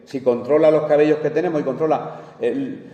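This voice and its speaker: A man's voice: on the high side, fairly quick, far from the mic, dull audio. A man from Spain preaching a sermon in a church, in a conversational way, joking with the congregation and chuckling often. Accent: Spanish from Spain. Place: church hall. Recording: echoey hall, voice from afar.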